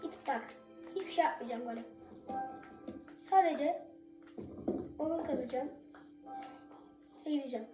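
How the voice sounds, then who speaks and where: High-pitched excitable young gamer, roomy echo. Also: normal speed, long pauses. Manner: yells and swears at the game; urgent repeated commands. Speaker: gamer playing a survival game. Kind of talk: casual gameplay commentary. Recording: roomy echo with loud game music.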